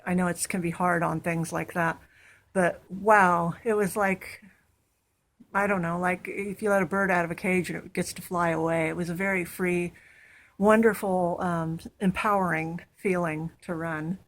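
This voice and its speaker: Chatty upbeat woman vlogger. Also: on the low side. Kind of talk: casual chat.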